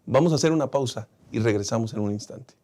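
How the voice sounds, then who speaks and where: A man's voice: mid-range voice, quick pace. A man with a Mexican Spanish accent, hosting a church lesson program and giving an encouraging pastoral closing. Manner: warm pastoral wrap-up, encouraging. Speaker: program host.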